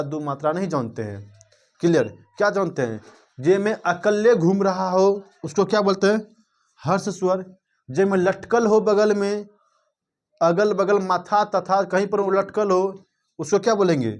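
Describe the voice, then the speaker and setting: A male teacher with a fairly high voice runs a grammar lesson. He keeps quizzing his students and asking whether they follow, and now and then stretches vowels out slowly to demonstrate length. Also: darkish tone. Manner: drills students with repeated questions and "clear?" checks; drawls words out slowly to show vowel length.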